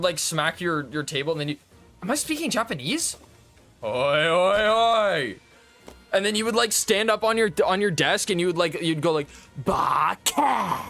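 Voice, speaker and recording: A man's voice: high-pitched, a bit bright. A man chatting casually and rambling to his viewers while streaming a game, swearing and laughing often. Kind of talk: casual gaming stream chat.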